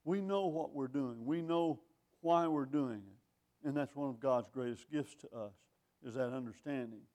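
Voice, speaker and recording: A man in his sixties preaches a sermon in a wry, conversational manner, reading scripture in older phrasing and posing rhetorical questions. His voice is medium-pitched and mellow, at a moderate pace.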